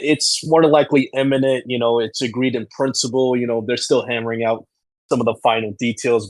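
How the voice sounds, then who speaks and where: A man co-hosting a podcast, giving opinionated conversational commentary, halting and repeating phrases as he stresses his points. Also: medium pitch, no room sound, low-quality recording. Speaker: podcast co-host.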